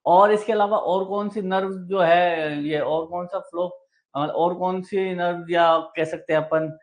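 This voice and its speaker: Speaking a little slowly in a high, steady voice, this man coaches students for a medical exam in a live online class. He speaks Hindi laced with English technical terms, going step by step, repeating key words and answering questions he raises himself.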